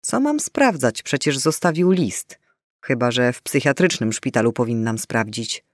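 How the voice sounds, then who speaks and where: A man's voice: mid-range voice, expressive, measured pace, no room sound, lightly acted. Audiobook role: a jilted middle-aged mother, bitter and snapping, read by a man, close dry mic. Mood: angry, defiant. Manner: bitter, shaken, flaring into anger.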